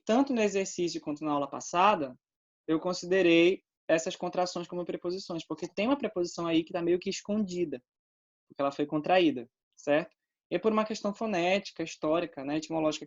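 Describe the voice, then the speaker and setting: A man's voice: fairly high pitch, dull audio. A male teacher with a Brazilian Portuguese accent giving an online grammar lesson, explaining patiently and checking in often with his students.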